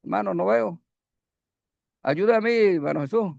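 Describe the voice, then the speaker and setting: A man teaching Bible Greek grammar in a classroom lecture, halting, with many fillers and questions to the class. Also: high-pitched, gravelly, dry recording, highs cut off.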